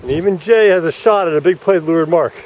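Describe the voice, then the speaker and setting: A man's voice: a little high, fast talker, darkish tone. Man coaching a sailboat race outdoors. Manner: coaching, explains rules while watching. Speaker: sailing race commentator. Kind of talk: live outdoor commentary and coaching. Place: outdoors at a yacht club dock. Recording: faint wind noise outdoors.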